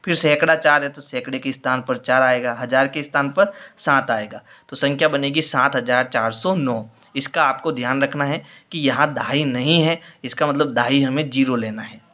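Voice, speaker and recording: A man's voice: mid-range voice, normal speed, hardly any pauses, muffled recording. A man teaching a maths worksheet lesson, patiently explaining step by step and repeating each answer.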